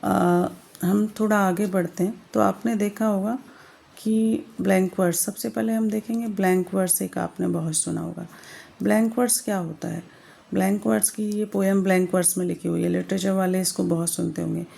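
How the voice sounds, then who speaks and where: A woman teacher giving an online lesson on poetic meter. She explains step by step, checks often that students follow, and slows right down to dictate definitions. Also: mid-range voice, steady tone, vocal fry, dark tone. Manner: explains step by step with frequent checks like "thik hai"; addresses students fondly as "beta". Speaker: English literature teacher. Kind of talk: online lecture in Hindi mixed with English.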